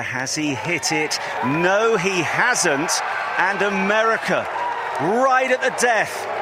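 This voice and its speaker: Male golf commentator amid heavy crowd noise. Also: sits high. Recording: noisy outdoor course with loud crowd.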